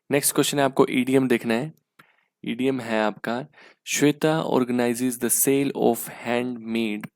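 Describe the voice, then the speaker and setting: Young indian man, english teacher, gravelly voice, dry close sound, slow word-by-word reading, rhetorical check-ins. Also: mid-range voice, no room sound. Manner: explains slowly, reads sentences out word by word; checks in with repeated rhetorical questions. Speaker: English teacher for exam prep. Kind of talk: casual online exam-prep lesson.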